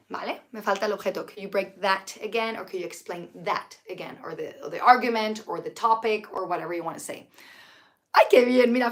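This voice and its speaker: Hoarse woman teaching English. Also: fairly high pitch. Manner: chatty, mixes Spanish and English, reads out viewer comments. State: sick with flu, tired. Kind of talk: live-streamed English lesson.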